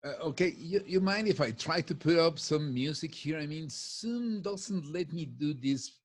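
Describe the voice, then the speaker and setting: A talkative middle-aged man whose first language is Spanish chats casually as a guest on a podcast, piling up restarts as he goes. His voice is on the high side, animated and at normal speed, recorded dry through headphones on a video call from his home office.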